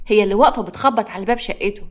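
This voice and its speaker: A woman's voice: mid-range voice, rapid-fire, natural voice. A woman with an Egyptian accent voicing a whiny young daughter in a raised voice. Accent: Egyptian Arabic.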